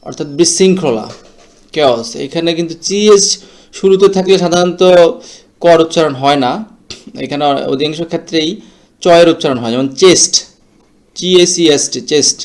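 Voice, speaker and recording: A man teaching English word pronunciation in a slow, explanatory way, mixing English words into his talk. English is not his first language; his first language is Bengali. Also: a little high, darkish tone. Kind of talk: explanatory lesson.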